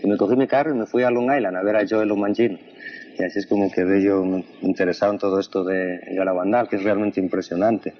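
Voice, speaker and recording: A man with a fairly low voice conducts an earnest, conversational interview. He often repeats the guest's answers back to her. The recording sounds dull and lo-fi. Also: fairly even intonation, quick pace, a little hiss or hum. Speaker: interviewer, a doctor.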